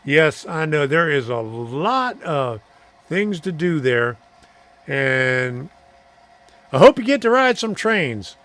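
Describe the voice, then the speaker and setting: A man's voice: a little high, sing-song, slow pace, a bit bright, no room sound. A middle-aged man hosting a live stream, chatting casually and answering viewer comments, rambling and chuckling between thoughts. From Florida.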